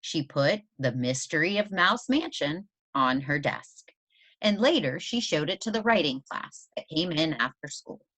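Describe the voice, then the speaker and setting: A woman with a low-sitting voice reads a children's story aloud like a teacher, deliberate and expressive for young listeners. There's no echo on the recording.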